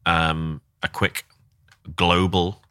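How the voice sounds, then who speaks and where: A man's voice: sits low, little pitch movement, extremely slow, bright, forceful tone, a little hiss or hum. A man from Northern England co-hosting a podcast, chatting casually and hesitating often with ums. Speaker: podcast co-host. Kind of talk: casual chat.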